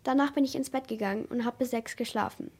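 A hulking, reserved oil-rig worker who mumbles his account in a subdued, slightly high voice, read by a woman narrator. An audiobook thriller figure. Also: steady tone, fast, a little mellow, husky. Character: quiet, hulking male rig worker, accused.

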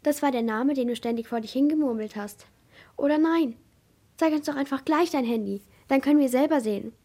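Woman reading pointed, challenging rig worker, higher voice. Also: brisk, mellow. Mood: accusing. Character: suspicious male rig worker, accusing.

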